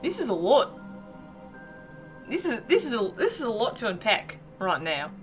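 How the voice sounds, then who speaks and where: A woman's voice: on the high side, very animated, moderate pace, soft background music. A woman playing her character in a tabletop game, flustered and laughing, rambling through her worries. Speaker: player.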